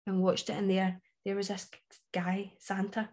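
A woman's voice: medium pitch, monotone, normal speed, darkish tone. Scottish woman chatting away, broad scots, telling stories informally like a podcast co-host. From Scotland. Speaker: book club podcast co-host. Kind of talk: casual chat, personal storytelling.

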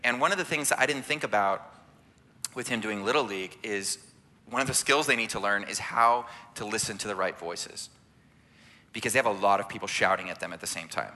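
A man's voice: on the low side, brisk, bright, forceful tone. A man leading a church sermon as families ministry director, preaching conversationally and often asking "right?" to draw in listeners. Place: church sanctuary.

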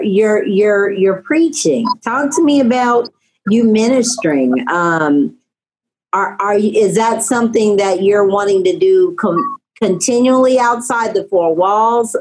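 A woman's voice: medium pitch, darkish tone, slight background noise, poor audio. A woman hosting a casual interview, encouraging her guest with brief affirmations and questions. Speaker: podcast host.

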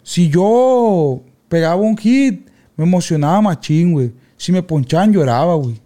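A young man, telling childhood stories in casual podcast chat with loud outbursts. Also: high voice, moderate pace. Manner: animated slangy storyteller, loud outbursts. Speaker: podcast co-host.

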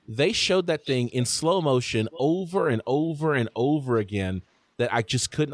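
Male podcast host, mid pitch, animated storyteller, dry close sound. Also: no room sound. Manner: animated, talks through stories with restarts. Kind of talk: casual sports chat.

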